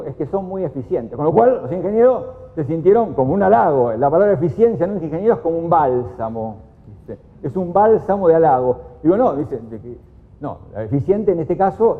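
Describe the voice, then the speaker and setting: A man with an Argentine Spanish accent giving a lively conference talk, jumping to loud, raised voices when he quotes people. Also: fairly high pitch. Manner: animated, jumps to shouts when quoting people. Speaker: conference speaker. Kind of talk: lively lecture with acted quotes. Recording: echoey hall on a thin, phone-like sound.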